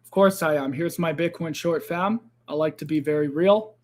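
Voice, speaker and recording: A man's voice: fairly high pitch, moderate pace, a little mellow. A man hosting a crypto live trading stream, talking loosely and chatting straight to his viewers. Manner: chatty, loose, addresses viewers as guys and fam. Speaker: crypto livestream host.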